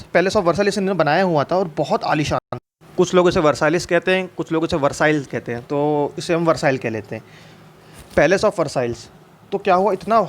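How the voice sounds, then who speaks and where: Man teaching history, asking himself questions. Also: fairly high pitch. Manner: conversational, asks and answers his own questions; mixes in English terms, many restarts. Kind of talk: explaining a history lesson.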